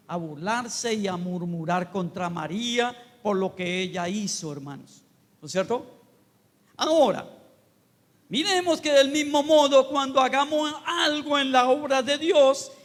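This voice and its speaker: A male pastor with a Colombian Spanish accent preaching a sermon, often calling out to his listeners as brothers. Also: very high voice. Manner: preachy, repeatedly addressing the congregation as brother. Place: church. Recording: long hall reverb.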